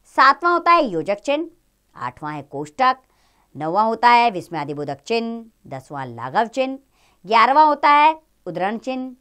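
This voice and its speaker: A woman teaching children a grammar lesson, speaking in an expressive, explaining tone. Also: clean tone. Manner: expressive, rises and falls in pitch.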